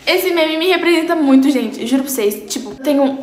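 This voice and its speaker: A teenage girl chatting casually as she reacts to memes, playful and dramatic, jumping into high squeals. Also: lively intonation, brisk. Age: teens. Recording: roomy echo.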